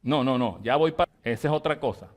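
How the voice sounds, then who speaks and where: A man's voice: mid-range voice, lively intonation, quick pace, slight background noise. A man, a Venezuelan pastor with a Venezuelan Spanish accent, teaching a Bible study in a church, repeating and dictating terms emphatically to his congregation.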